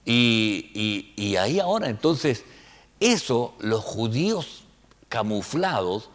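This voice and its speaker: A man preaching a Bible study sermon as pastor, conversational, often checking in with his listeners, moving between soft asides and loud emphatic peaks. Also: mid-range voice, sing-song, slow.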